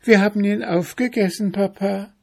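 A man voicing a group of little bear cubs in a storybook reading, wailing in a very high, whiny voice. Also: steady tone, moderate pace, vocal fry, a little mellow.

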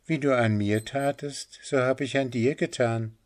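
A man voicing a small, kind male hare in a fairy tale, gently lifting his voice. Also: mid-range voice, steady tone, a little slow, voice pushed up, close to an everyday voice.

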